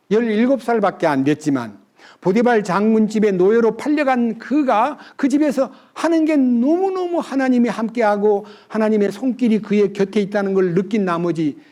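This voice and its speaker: A male pastor preaching a sermon, telling a Bible story with lots of drama. His voice sits high for a man, and he keeps breaking into the characters' lines with big jumps in pitch and volume. He sounds like he is in a church. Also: dark tone.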